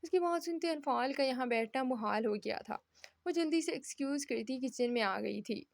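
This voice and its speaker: A woman narrating a romance novel aloud in a steady, plain storytelling manner. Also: high-pitched, normal speed, gravelly.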